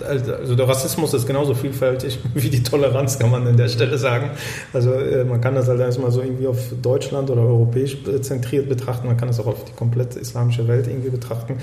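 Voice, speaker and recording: A man co-hosting a casual talk show, talking in a halting way with many fillers and restarts. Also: medium pitch, warm tone, roomy sound, slight background noise. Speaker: podcast co-host. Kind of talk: casual discussion.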